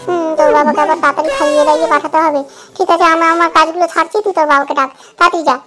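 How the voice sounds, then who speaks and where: A woman voicing a fussing, worried goddess mother in a cartoon, with a scolding, hurried manner. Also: high voice, little pitch movement, music in the background, voice pushed down, natural voice. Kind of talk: cartoon voice acting.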